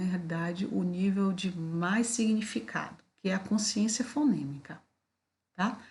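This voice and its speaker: Woman, teacher, video lesson, lower voice, slow and deliberate, rhetorical questions. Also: darkish tone.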